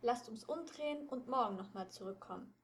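A woman's voice: on the high side, expressive, a little fast, a little hiss or hum. A woman voicing a nervous, easily annoyed teenage boy detective who complains and frets. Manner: complaining, fretful.

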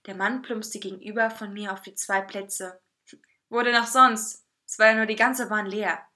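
A woman reading a first-person story aloud with lively, expressive narration. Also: medium pitch, normal speed.

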